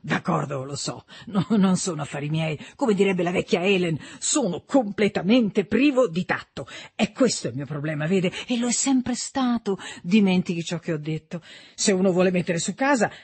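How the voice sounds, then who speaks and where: A man's voice: high-pitched, lively intonation, moderate pace, husky, full character voice. A man doing a blunt, mocking son. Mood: sardonic. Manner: sardonic, loud, needling. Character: blunt, mocking adult son, mentally unstable.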